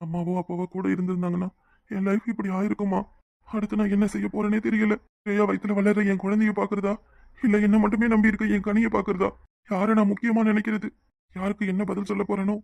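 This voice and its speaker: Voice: mid-range voice, quick pace, fairly bright tone, close to an everyday voice. A voice actor playing a hot-headed young man caught between two women in a cartoon drama. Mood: despairing. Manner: curt, accusing. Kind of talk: cartoon voice acting.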